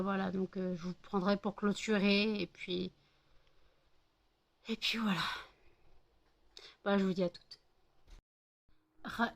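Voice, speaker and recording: A woman with a French accent vlogging from home, chatting casually about her day, rambling with many fillers and sometimes raising her voice to scold her dogs. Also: mid-range voice. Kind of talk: casual daily vlog chat.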